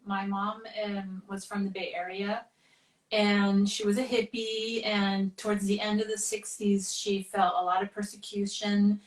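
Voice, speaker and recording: A woman's voice: medium pitch, little pitch movement, recorded from a distance. Rambling woman on a roomy video call. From California, US. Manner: rambling, halting, laughs often. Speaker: guest artist. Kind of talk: casual interview chat. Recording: roomy, a bit off-mic.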